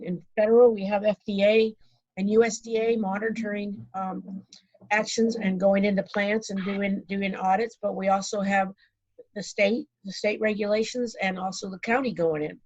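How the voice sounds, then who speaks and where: A woman with a Boston accent giving an online presentation, rushing ahead with many fillers and restarts. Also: mid-range voice, a little mellow. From Boston, Massachusetts. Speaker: guest speaker. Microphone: video call. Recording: dull lo-fi video call audio.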